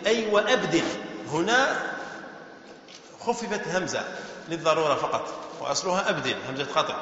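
A man's voice: fairly high pitch, sharp tone, a little hiss or hum. A man teaching Arabic morphology to a class, repeating each point, spelling out letters and quizzing his students. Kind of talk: classroom lesson explaining verse. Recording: echoey hall, dull lo-fi.

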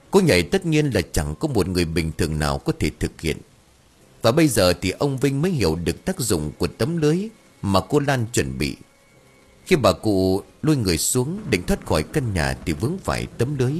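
A man narrating a ghost story for an audiobook in an expressive, dramatic storytelling manner. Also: on the low side, slightly rough. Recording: narration over faint background music.

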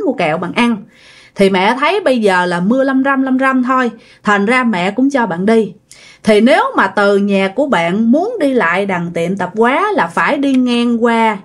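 Woman, higher voice, casual ghost story narration, folksy. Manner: chatty, folksy, acts out quoted voices.

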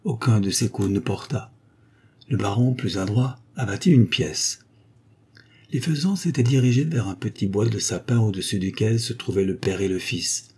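A man gives a steady, measured audiobook narration of a classic novel. This is scripted reading, and his voice is low and dark with a husky grain.

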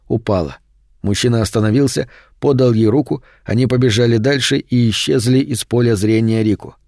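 A man narrating a horror audiobook in a steady, measured way. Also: lowish voice, no room sound, studio quality. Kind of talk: scripted narration.

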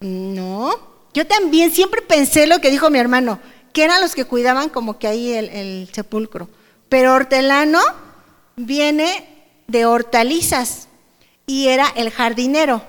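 A woman's voice: sits high, lively intonation, unhurried. A woman with a Mexican Spanish accent preaching a sermon, talking conversationally and asking her congregation rhetorical questions. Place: church service hall. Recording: reverberant church hall.

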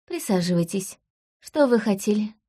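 A woman voicing a frightened young embroiderer who stammers and speaks haltingly, read as audiobook dialogue. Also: mid-range voice, animated, warm tone, slightly rough. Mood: polite.

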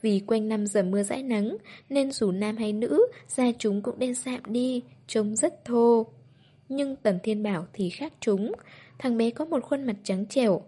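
A woman narrating a novel as an audiobook in a steady, even reading voice. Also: a little high, measured pace, breathy edge.

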